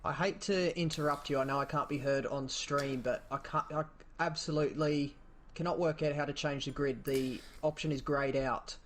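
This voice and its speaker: A man's voice: a little high, steady tone, moderate pace. Polite race organizer man, apologetic, faint hiss behind.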